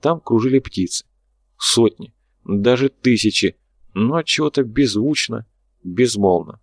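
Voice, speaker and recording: A man narrating an audiobook in a steady, even storytelling voice. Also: medium pitch, a little slow, dry recording, clean studio sound. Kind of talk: scripted narration.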